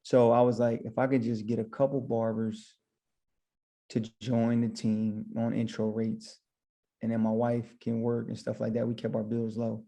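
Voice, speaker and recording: Gravelly-voiced man telling his story. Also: mid-range voice, monotone, normal speed, dark tone. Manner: rambling, retells his own thoughts as quotes. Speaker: podcast guest, barber and shop owner. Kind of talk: casual storytelling interview.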